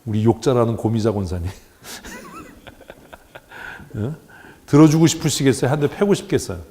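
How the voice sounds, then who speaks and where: A man preaching a sermon as pastor in a church, animated and joking, acting out the voices he quotes. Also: medium pitch, a little slow, a little hiss or hum. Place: church sanctuary. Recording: church hall with long reverb.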